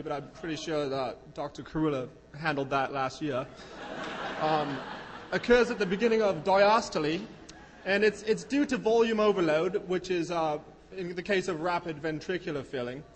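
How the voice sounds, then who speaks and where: A man's voice: sits high, fairly bright tone, long reverb tail. A man presenting a medical case in a put-on Australian accent, playful and hesitant with many fillers.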